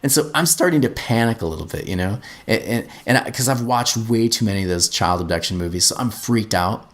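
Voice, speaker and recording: A man's voice: fairly low pitch, lively intonation, a little fast. A middle-aged man, a podcast host, telling a personal story in an earnest way and often repeating words as he gets going.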